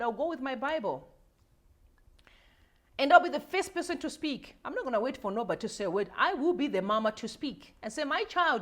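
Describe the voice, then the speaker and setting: A woman in her forties from Zimbabwe gives heated, preachy political commentary on her livestream. Her voice sits high and swings widely in pitch as she repeats her points and talks straight to the viewers. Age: 40s. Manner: emotional, repetitive, preachy, addresses viewers directly. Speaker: livestream host.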